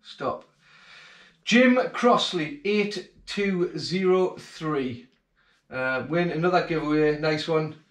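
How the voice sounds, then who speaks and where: He's an English fishing-channel host in his forties, speaking slowly in a high-ish, slightly bright voice. Talking casually and gratefully to the camera, he moves from his kitchen to the living room, and the room sound is spacious. His manner is chatty and plain-spoken.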